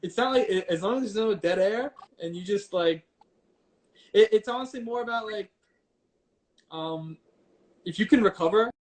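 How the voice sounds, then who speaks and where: A man's voice: sits high, normal speed, pauses often. A man chatting casually as a DJ guest, informal and hesitant, repeating himself, speaking into headphones used as a mic. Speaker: DJ and livestreamer, interview guest. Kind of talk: casual chat. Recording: noisy headphone mic on online call.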